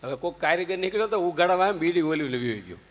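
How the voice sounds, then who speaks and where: Jokey Gujarati male storyteller, fairly high voice, long hall reverb. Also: fast talker. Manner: jokey, anecdotal, animated swings into loud punchlines. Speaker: religious storyteller. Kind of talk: humorous religious discourse.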